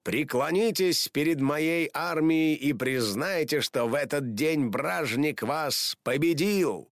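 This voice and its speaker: A man reading a storybook aloud, voicing a pompous, menacing male supervillain who speaks slowly and commandingly. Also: fairly high pitch, expressive, no echo, clean studio sound, voice pushed up. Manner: slow, commanding, theatrical.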